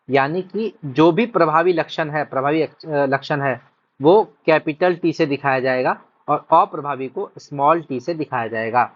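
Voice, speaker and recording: A male teacher, explaining a lesson step by step, repeating points and often asking whether students have understood. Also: on the high side. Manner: repetitive, checks understanding often. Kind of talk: whiteboard-style lesson explanation. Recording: dull lo-fi recording.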